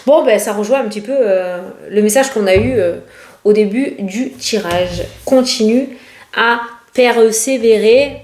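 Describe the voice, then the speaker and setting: Cartomancienne bavarde à l'accent régional, ton léger, voix assez haute, pièce réverbérante. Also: female voice, on the high side, a little slow, a little mellow. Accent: regional French. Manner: chatty, laughs often, rambling. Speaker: tarot card reader. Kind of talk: casual tarot reading vlog. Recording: echoey room.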